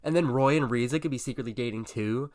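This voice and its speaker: A man's voice: medium pitch, very animated, quick pace, no echo, clean studio sound, voice pushed up. A man voicing a giddy teenage girl who gushes and squeals over romance. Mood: gushing. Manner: squealing, gushing, overexcited.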